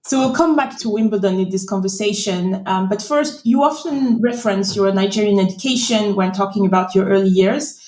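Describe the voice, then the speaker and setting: A woman hosting a podcast, reading a measured scripted intro and asking interview questions in a welcoming way. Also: medium pitch, a little mellow. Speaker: podcast host. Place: London.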